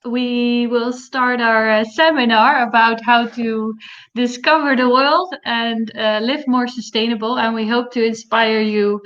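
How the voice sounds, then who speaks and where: A woman from the Netherlands presenting to an online conference over a video call, her voice pitched a little high. She talks hesitantly, with many fillers. The sound is dull and lo-fi. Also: fairly even intonation, a little slow, fairly bright tone. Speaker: guest speaker, social entrepreneur.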